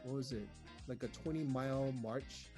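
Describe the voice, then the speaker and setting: A man from Singapore hosting a casual school talk show, chatty and relaxed, with plenty of uhs. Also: medium pitch, moderate pace, faint music behind.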